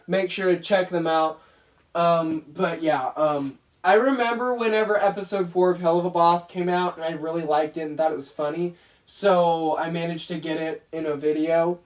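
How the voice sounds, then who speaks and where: A man's voice: a little high, normal speed. A young man casually commenting on his own old videos, rambling, laughing and mocking himself. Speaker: YouTube animator reacting to his old videos.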